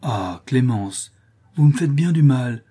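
A man reading the part of a hypocritical governess, speaking in a slow, sugary tone. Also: medium pitch, animated, slightly rough. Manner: sugary, slow, falsely gentle. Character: honeyed, hypocritical middle-aged governess woman.

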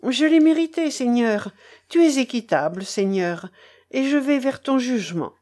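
A woman voicing a hoarse dying grandfather. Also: fairly high pitch, lively intonation, moderate pace, a little mellow, voice pushed up, lightly acted. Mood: despairing. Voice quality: hoarse, choked. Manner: anguished outbursts, pleading to God. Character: dying old grandfather, bitter and despairing.

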